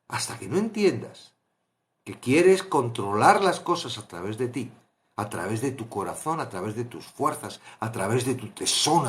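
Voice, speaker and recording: A man teaching a Bible study, impassioned, swinging between hushed asides and loud exclamations. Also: mid-range voice.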